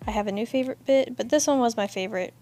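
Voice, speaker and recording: A woman's voice: on the high side, racing, mellow. A young woman with a Southern US accent, narrating her nail tutorial in a chatty, self-mocking way. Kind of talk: casual voice-over narration.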